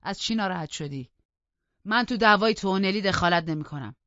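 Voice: medium pitch, fairly even intonation, a little mellow, no room sound, close to an everyday voice. A narrator voicing a harsh, brooding master of the house who scolds angrily. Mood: impatient anger. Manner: angry, scolding. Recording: dull lo-fi dry recording.

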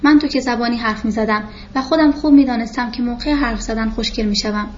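A woman narrating a novel in a steady, even storytelling manner. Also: on the high side, lo-fi sound, slight background noise. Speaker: audiobook narrator.

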